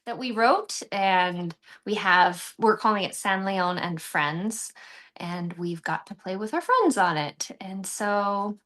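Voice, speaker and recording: An American woman from San Antonio, Texas, speaks casually as an interview guest, sharing personal stories; she is an actress and swing band musician. Her medium-pitched voice is animated, slow, and a bit bright.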